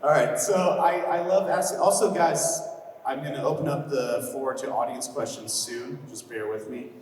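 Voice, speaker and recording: A man's voice: medium pitch, fairly even intonation, moderate pace, a little mellow. Man, upbeat panel host, laughs a lot, distant mic, long hall reverb. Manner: upbeat, enthusiastic, laughs often. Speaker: panel moderator. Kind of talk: convention panel chat. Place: large convention hall. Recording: echoey hall audio from afar, faint noise.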